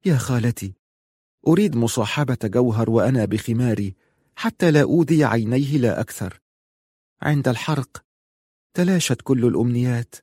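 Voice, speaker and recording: A man's voice: mid-range voice, expressive, brisk, pauses often, dark tone, slightly rough, dry recording, clean studio sound. A man voicing an earnest, pleading young woman. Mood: sad.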